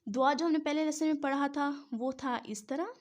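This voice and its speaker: A woman patiently teaching how to join Arabic letters, step by step, pausing often to check in. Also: high voice. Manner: patient, says "theek hai" between each step. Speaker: Quran teacher. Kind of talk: step-by-step writing lesson.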